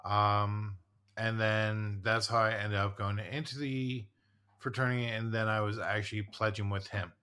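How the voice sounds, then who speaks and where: A man in his forties co-hosts a casual podcast, rambling through his stories with plenty of fillers and restarts. His voice is bright and forceful. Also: on the low side, flat delivery, a little slow, clear, resonant tone. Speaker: podcast co-host, therapist. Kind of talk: casual chat.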